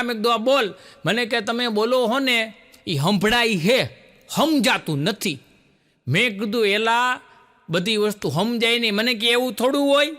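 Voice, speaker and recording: A man performs folk comedy on a stage. His voice sits high and sounds bright and forceful as he spins jokes into a stage microphone. He acts out the dialogue in his stories before a live audience. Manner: folksy joke-telling with acted dialogue and audience laughter. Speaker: stand-up comedian. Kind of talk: Gujarati folk comedy storytelling.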